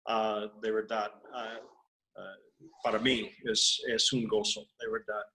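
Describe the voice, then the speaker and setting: A man from the United States, a missionary pastor, answering interview questions hesitantly with drawn-out fillers and self-deprecating humor. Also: fairly low pitch, flat delivery, sharp tone, a little hiss or hum, rough recording.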